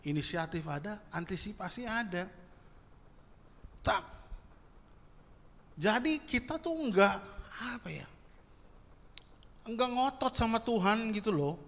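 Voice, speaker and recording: A male pastor preaching a sermon in a playful, lively way, acting out little prayers and asides. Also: high voice, takes it slowly, long pauses. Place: church hall. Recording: church hall with long reverb.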